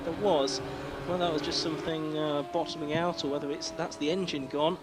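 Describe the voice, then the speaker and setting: A man with a fairly high, flat voice speaks a little fast as a motorsport commentator, calling a race live with descriptive play-by-play. The recording is noisy trackside audio outdoors, with engines audible behind him.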